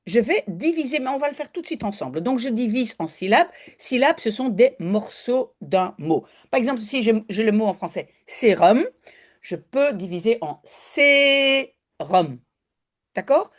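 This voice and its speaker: A woman's voice: fairly high pitch, very animated, a little mellow. A woman giving an online language lesson, patiently repeating and drawing out words to show their sounds. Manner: patient, repeats and stretches words slowly for pronunciation. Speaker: language teacher.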